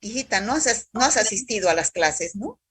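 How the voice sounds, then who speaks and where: A woman's voice: medium pitch, animated, a little fast, a bit bright, husky, no room sound. A woman teaching a university microbiology class over a video call, quizzing students by roll call in a stern, scolding way.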